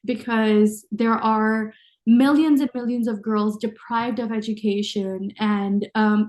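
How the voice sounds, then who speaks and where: A woman's voice: fairly high pitch, a little mellow. Enthusiastic young woman hosting an interview. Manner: enthusiastic, many ums, reads prepared intro. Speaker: interview host. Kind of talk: hosted interview.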